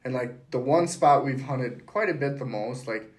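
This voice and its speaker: A man hosting a podcast, animated and jokey in casual chat, quick to agree with his guest. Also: mid-range voice, roomy sound, rough recording.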